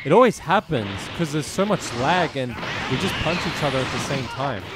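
Over video game music, a young gaming host with a phlegmy, rattly chest voice gives rambling, slangy commentary, saying things more than once. His voice sits on the high side, expressive and a little fast, and the audio is very noisy.

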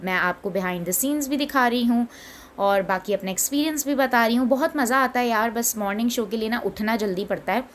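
A woman's voice: on the high side, fairly quick, slight background noise. A young adult woman, chatting casually in a vlog and mixing in English phrases. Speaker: vlogger.

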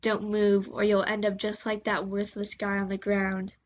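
A woman voicing a menacing young male fire villain in a low, bored tone. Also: monotone, normal speed, dull audio, close to an everyday voice. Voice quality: low, sinister.

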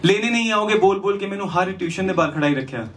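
A man does lyrical stand-up in a small indoor venue, alternating rhyming verse with conversational asides. He speaks fast and expressively in a voice that sits high, holding a handheld mic, while the recording comes across distant and noisy.

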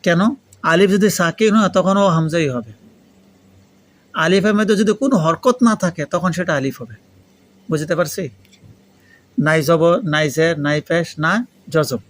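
This Arabic grammar teacher is a Pakistani man and native Urdu speaker with a Pakistani accent, teaching in a learner's Bengali with Urdu mixed in. His voice is on the high side, and he's unhurried, pausing often. He explains, repeats and quizzes his students with prompting questions.

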